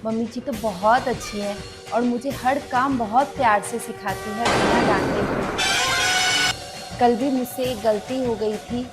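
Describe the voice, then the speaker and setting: A woman playing a young newly married daughter-in-law who speaks softly and respectfully in a family skit. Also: a little high, steady tone, unhurried, loud music behind the voice, lightly acted. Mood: meek. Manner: soft, quiet and respectful. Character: young daughter-in-law, new bride, meek and gentle.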